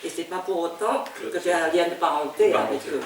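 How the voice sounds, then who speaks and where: Older Vietnamese-accented novelist, lowish voice, halting delivery; roomy, off-mic. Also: female voice, distant mic. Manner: halting, repeats words, laughs often. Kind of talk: reminiscing in an interview. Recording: echoey room, speaker off-mic.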